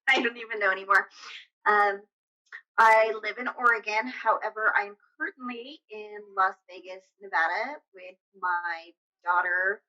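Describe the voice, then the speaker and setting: A woman's voice: mid-range voice, measured pace, pushed and bright, lo-fi sound. A woman in her forties introducing herself in a lighthearted, self-deprecating way. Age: 40s. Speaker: interviewee.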